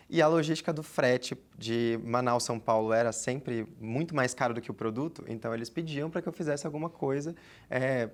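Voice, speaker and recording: A man in his twenties from the Amazonas region of Brazil, a guest in an interview who speaks in a chatty, reflective way and often adds tag fillers. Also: medium pitch. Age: 20s. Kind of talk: casual interview talk.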